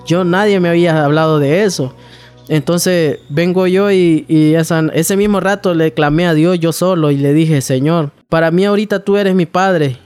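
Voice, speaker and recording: Man, personal testimony, storyteller, slightly high voice, faint music bed. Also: moderate pace, a little mellow, clear, resonant tone, no echo. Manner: storytelling, acts out dialogue, addresses listener as "hermano". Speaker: testimony speaker.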